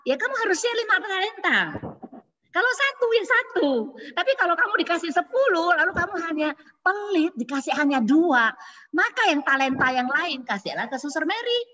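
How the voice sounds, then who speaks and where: Lively high-voiced woman, echoey hall. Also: a little hiss or hum. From Pontianak, Indonesia. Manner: lively, acts out others' voices in her stories. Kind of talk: casual storytelling testimony. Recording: dull audio with long hall reverb.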